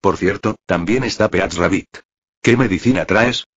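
A man reading the lines of a brash, cocky young male officer in a flat storybook voice, on a dull lo-fi recording. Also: sits low, normal speed, husky.

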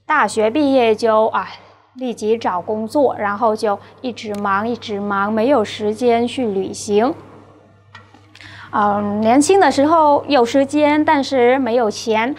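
A young woman with a Vietnamese accent, a Chinese teacher, speaks slowly in a highish voice. She patiently teaches a vocabulary lesson, asking students rhetorical checks as they follow along.

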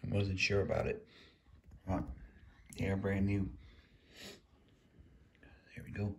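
A man casually reviewing a frozen meal while eating, rambling in a relaxed way. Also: deep voice, slow, slight background noise. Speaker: food reviewer. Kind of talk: casual food review vlog.

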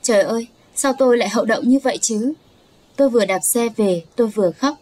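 A woman tells a sad first-person story in a confessional manner. Her voice sits fairly high and stays even. It is audio storybook narration. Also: fast talker.

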